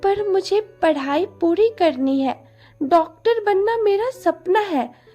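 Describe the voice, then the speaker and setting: A woman's voice: very high voice, expressive, slow, warm tone, faint music behind, voice pushed up, full character voice. A woman voicing a frightened, tearful teenage village girl who pleads to keep studying. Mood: pleading. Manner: trembling, pleading.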